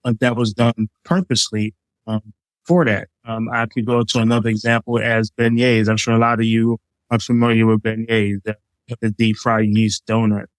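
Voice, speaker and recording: A middle-aged Liberian man, a chef appearing as a guest, talks casually in an interview about his food, easygoing and full of examples and fillers. His voice is lowish and level at a normal speed. The recording has no echo but sounds rough.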